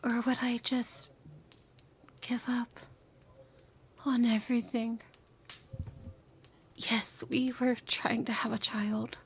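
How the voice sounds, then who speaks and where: Slightly high and wistful, her voice stays hushed as she voices the obsessive, lovesick ex-bully who has come back from the future. The ASMR roleplay is intimate, her delivery breathy, tender, emotional and halting, often sinking into a whisper, with a faint hiss or hum in the recording.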